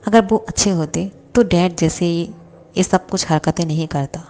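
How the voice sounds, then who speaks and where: A hot-tempered young boss pining for his secretary, firing off indignant questions, voiced by a woman reading a storybook. The tone sits fairly low and warm, with soft, mellow edges. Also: normal speed, lightly acted. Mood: angry.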